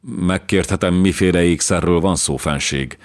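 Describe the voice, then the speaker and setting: A man's voice: deep voice, lightly acted. A man voicing a stooped, thin chancellor who frets and sighs, in an audiobook reading. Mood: fretful. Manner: fretful, sighing.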